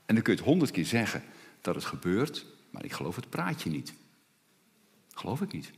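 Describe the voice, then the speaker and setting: A man from the Netherlands preaching, his voice rising and falling in a lively, animated way. He is recorded in a church hall with a long reverb tail. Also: on the low side, moderate pace, vocal fry. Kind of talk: sermon with a told joke.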